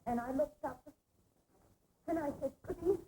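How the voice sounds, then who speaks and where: A woman's voice: high-pitched, dark tone, slight background noise, rough recording. A dazed, terrified young woman. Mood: hysterical. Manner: halting, dazed, breaking into sobs. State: crying, in shock. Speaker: film character. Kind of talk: 1960s horror film acting.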